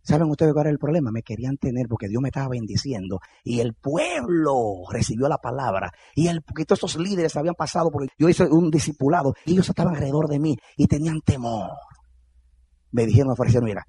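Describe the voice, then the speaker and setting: A male pastor preaching a sermon, moving from quiet, low storytelling to high, shouted fervor and acting out the words of others. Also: animated, fast talker, a little hiss or hum.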